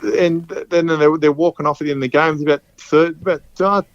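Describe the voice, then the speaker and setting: A man with an Australian accent in his fifties tells stories in a loose, rambling way, stumbling over and repeating his words. His voice sits a little high. The sound is dull and dry. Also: fairly even intonation, fast talker, dry recording. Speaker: podcast guest, former rugby league player. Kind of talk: casual storytelling.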